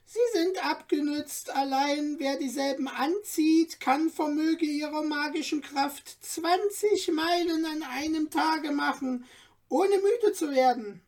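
A woman voicing a tiny, courteous and excitable male dwarf guide in a storybook reading, speaking in an ornate, eager way. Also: takes it slowly. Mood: proud, explaining. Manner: ornate, polite, squeaky and eager.

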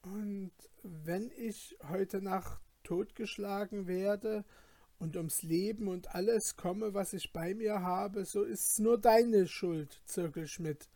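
A man's voice: sits high, slow, mellow, no echo, voice pushed up. A man voicing an anxious young male goldsmith apprentice, fearful and pleading in a read-aloud fairy tale.

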